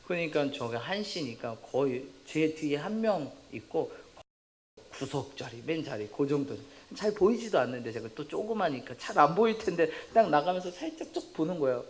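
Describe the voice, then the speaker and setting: A male pastor preaching a sermon in a church sanctuary. He tells a personal testimony in a lively, humorous way, acts out the dialogue and laughs at his own stories. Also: on the high side, normal speed.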